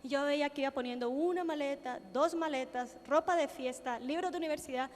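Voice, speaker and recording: A woman's voice: sits high, brisk. A woman from Colombia, giving a sermon testimony and acting out her own prayers and conversations as she tells them. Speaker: preacher. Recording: long reverb of a large hall.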